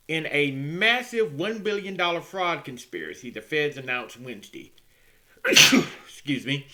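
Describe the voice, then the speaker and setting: A man hosting a casual news commentary show, musing wryly over odd stories and often clearing his throat. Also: a little high, pushed and bright.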